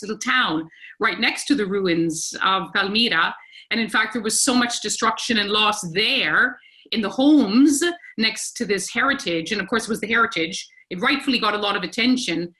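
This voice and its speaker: A woman chairing an online panel, introducing speakers in a measured, formal way. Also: medium pitch, bright, forceful tone, low-quality recording. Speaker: event chair, moderator. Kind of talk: moderating a panel.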